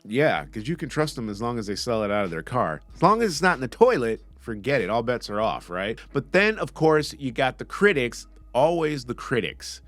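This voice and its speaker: A man's voice: medium pitch, very animated, normal speed, few pauses, a bit bright, no room sound, faint music behind. A man hosting a podcast, delivering sarcastic commentary with a mocking, snarky manner. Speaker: podcast host.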